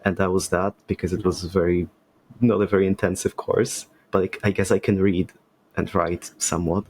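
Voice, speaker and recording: Hesitant and full of ums and restarts, the guest speaks in a low, husky, slightly mellow voice with a level tone at normal speed. He's a Polish writer and game master in his twenties, a native speaker of Polish, chatting casually on a podcast via video call.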